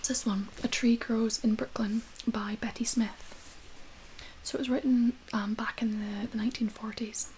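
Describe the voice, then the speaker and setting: A woman performs a whispered role-play as a librarian in a soft, breathy voice. Her pitch sits on the higher side and stays very even as she gently talks through books. A faint hiss sits behind her. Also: moderate pace, poor audio. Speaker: ASMR creator playing a librarian recommending books.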